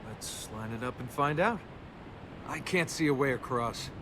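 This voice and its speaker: Here a male actor performs naturally as a cocky, wry young adventurer in a video game, keeping a casual, sardonic edge. He speaks at normal speed in an expressive, natural voice, and the game capture carries a rumbling ambient noise underneath.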